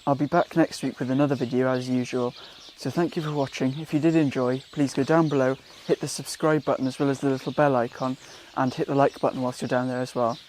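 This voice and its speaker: A young man from Wales talks casually through his garden jobs, mid-pitched and unhurried. He fills gaps with ums and corrects himself as he goes. He is recorded outdoors with faint birdsong behind him. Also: a little hiss or hum. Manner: relaxed, chatty, with frequent ums and self-corrections. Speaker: gardening vlogger. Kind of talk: casual how-to vlog.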